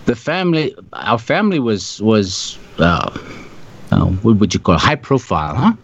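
A man in his sixties from Africa, telling his life story as an interview guest in a reflective, halting way. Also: on the low side, big pitch swings. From South Africa. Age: 60s. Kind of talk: casual storytelling. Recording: dull lo-fi sound.

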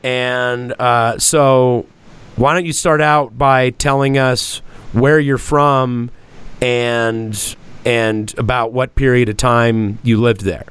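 A man's voice: medium pitch, steady tone, takes it slowly, a bit bright, smooth. A man hosting a podcast in a casual, profane way, often repeating words as he gathers his thoughts. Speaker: podcast host. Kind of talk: casual chat.

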